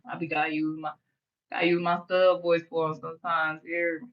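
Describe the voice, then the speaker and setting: Late at night on her livestream, a thirty-something woman from the US Midwest rants in a loose, blunt, foul-mouthed way. Her voice is light yet low, level in tone, at a moderate pace, with the high frequencies cut off.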